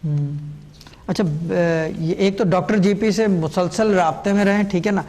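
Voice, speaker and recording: A man giving spiritual advice on a call-in show, explaining calmly and unhurriedly and mixing in English words. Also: high voice, in a large hall. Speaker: Sufi spiritual guide.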